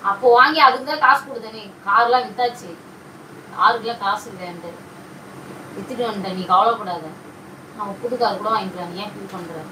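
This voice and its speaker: A woman's voice: mid-range voice, brisk, pauses often, sharp tone. A woman pulling a prank at home, teasing and coaxing in a casual, playfully defensive way. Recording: roomy and distant with faint noise.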